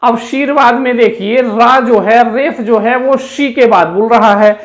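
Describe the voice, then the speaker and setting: Preparing students for an exam, a very high-voiced man walks through Hindi grammar at a slow pace. As he indicates each point, he says the important words again.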